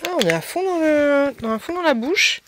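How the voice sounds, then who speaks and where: Gushing French woman with a lively voice. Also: sits high, normal speed, noisy background. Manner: gushing, excitable, squeals over small items. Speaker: beauty haul vlogger. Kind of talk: casual unboxing chat.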